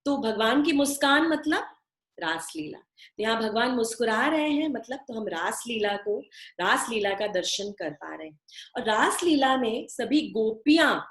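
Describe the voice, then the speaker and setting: A woman's voice: on the high side, fairly bright tone. Woman teaching scripture in an echoey room. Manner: explains slowly with repetition, chants Sanskrit verses. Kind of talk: devotional scripture lecture.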